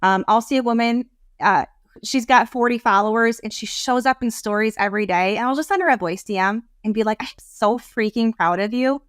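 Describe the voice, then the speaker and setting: Eager, higher-voiced woman coach. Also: fairly quick, no echo, studio quality. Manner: animated, rambling, heartfelt. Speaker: business coach, podcast guest. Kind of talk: casual interview talk.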